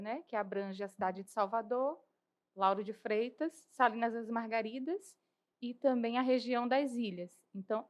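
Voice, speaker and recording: A woman's voice: a little high, a bit bright. Earnest young Bahian woman, interview guest. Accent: Bahian Portuguese. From Bahia, Brazil. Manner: earnest, articulate, frequent tag questions. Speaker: guest, lay church worker and lawyer. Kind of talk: podcast interview.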